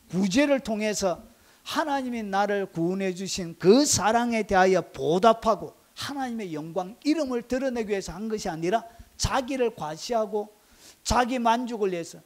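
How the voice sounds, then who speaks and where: A middle-aged male pastor preaching a sermon, with emphatic rising bursts and rhetorical questions to the congregation. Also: high voice.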